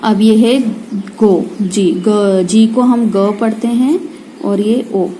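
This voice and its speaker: A woman tutor, patiently teaching phonics at a slow pace, sounding out letters and repeating them. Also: medium pitch, fairly even intonation, dark tone, a little hiss or hum, rough recording. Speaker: home tutor. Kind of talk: slow phonics lesson for parents and kids.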